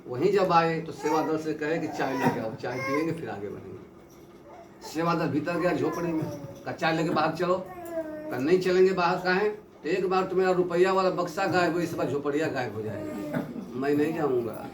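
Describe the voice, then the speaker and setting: A man preaches a devotional sermon, telling parables and acting out the people in them. His voice sits high and carries an animated emotional lift. It is picked up from a distance in a reverberant hall with steady background noise. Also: normal speed. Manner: storytelling with voiced dialogue, rising emotional emphasis. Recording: echoey hall, distant mic, noisy ambience.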